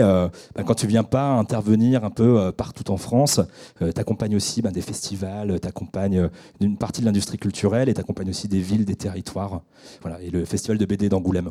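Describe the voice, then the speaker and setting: Low, dark-voiced man hosting a radio show. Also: husky. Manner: halting, many fillers and restarts. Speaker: radio debate host. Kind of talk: hesitant unscripted introduction. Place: radio studio.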